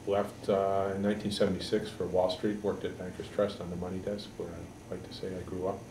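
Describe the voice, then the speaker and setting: A man in his sixties from Connecticut, a political candidate giving halting, measured answers in an editorial board interview. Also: low-pitched, flat delivery. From Connecticut, USA. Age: 60s. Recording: echoey room, mic far off, background noise.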